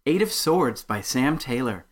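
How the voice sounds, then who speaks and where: A man's voice: mid-range voice, lively intonation, a little slow. A man playing a breezy, boastful male professor in a comedic audio sketch, talking casually and offhand. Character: male professor, breezy, bragging monster hunter. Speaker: show host in comic intro sketch.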